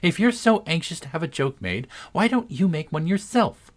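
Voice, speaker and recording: A man's voice: a little high, lively intonation, normal speed, pitched above the performer's own voice, lightly acted. A man voicing a polite, anxious young girl with a light, timid tone in a storybook reading. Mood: impatient.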